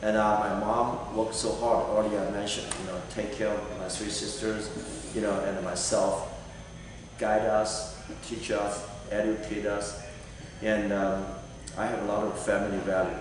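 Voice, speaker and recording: A middle-aged man from Taiwan, earnestly answering a panel's questions with many fillers and pauses. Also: fairly low pitch, flat delivery, far from the mic, noisy background. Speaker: political candidate. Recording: echoey hall recorded from afar.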